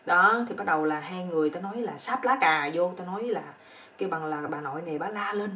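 A woman with a Southern Vietnamese accent telling a comic story in a rapid, chatty, colloquial way. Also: fairly low pitch, sharp tone, recorded from a distance.

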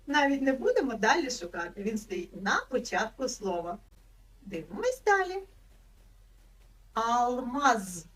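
A woman teacher giving a lesson to young children, slowly drawing out each word and gently encouraging them. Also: on the high side, far from the mic, poor audio. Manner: slow, drawn-out word sounding for small children.

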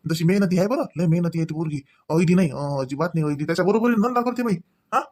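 In a comedy cartoon, a man voices an elderly village father-in-law who is fair-minded but scolding, talking colloquially in a Varhadi Marathi accent and tacking on questioning tags. His voice is fairly high, fast and somewhat dark, with a natural quality.

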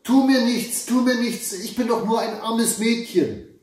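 A man's voice: very high-pitched, a little slow, a little mellow, voice pushed up. A man voicing a frightened young princess in a fairy tale, stammering and pleading in a raised voice. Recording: echoey room, far from the mic.

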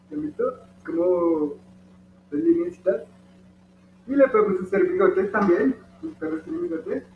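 A man with a Colombian Spanish accent patiently guiding children through an origami dog step by step, encouraging them as he goes. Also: high-pitched. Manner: patient, encouraging, talks to the kids directly. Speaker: origami instructor. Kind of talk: step-by-step craft tutorial for children. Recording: distant, roomy and dull with faint hum.

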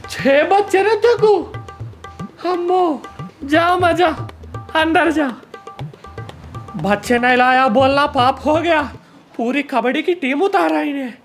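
A woman's voice: high-pitched, unhurried, long pauses, faint music behind. A woman playing a blunt, teasing elderly family uncle with a Hyderabadi accent in a comedy sketch. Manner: teasing, mock-scolding.

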